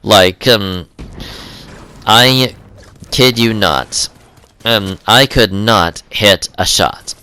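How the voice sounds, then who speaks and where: Low, slow-talking man rambling over gameplay. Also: pushed and bright. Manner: rambling, heavy with ums and uhs. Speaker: gameplay commentator. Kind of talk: casual gameplay commentary.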